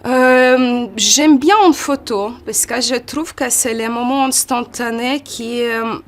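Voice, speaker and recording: A woman in her forties from Ukraine with a Ukrainian accent, a model answering interview questions in a halting way, often restarting. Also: fairly high pitch, steady tone. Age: 40s. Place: photo studio.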